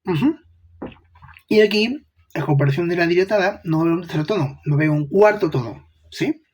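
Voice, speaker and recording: A man's voice: high voice, lively intonation, normal speed, a little hiss or hum. A young man giving a casual medical lecture, chatty, with rhetorical questions and slangy asides.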